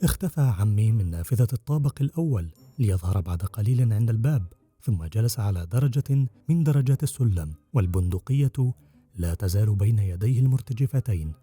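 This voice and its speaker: A man reading a first-person audiobook narration in an expressive storytelling manner. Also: fairly low pitch, fairly quick, breathy edge, faint music behind.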